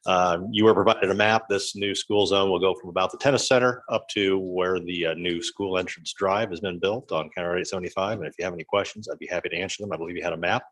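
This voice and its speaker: A man's voice: low-pitched, steady tone, quick pace, hardly any pauses, a bit bright, poor audio. A man presenting an engineering recommendation to a town council in a matter-of-fact briefing. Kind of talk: formal briefing.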